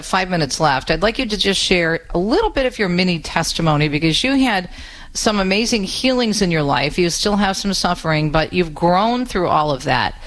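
A woman's voice: on the low side, fairly bright tone. Encouraging woman radio host. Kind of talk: radio interview.

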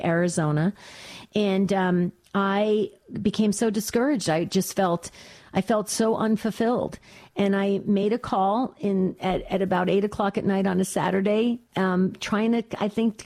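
An older woman hosts a faith call-in radio show, speaking at a middle pitch for a woman. She talks in a chatty, rambling way and keeps restarting her sentences. She grew up in New Jersey. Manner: chatty, warm-hearted, many restarts. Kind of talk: talk radio monologue.

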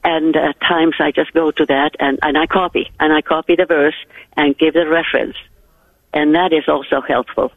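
A woman's voice: low voice, steady tone, normal speed, dry recording. A woman from Finland with a Finnish accent, calling in to a radio show and speaking earnestly about her faith over the phone. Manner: earnest, devout. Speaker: caller. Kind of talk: call-in radio chat. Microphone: telephone. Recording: tinny phone line.

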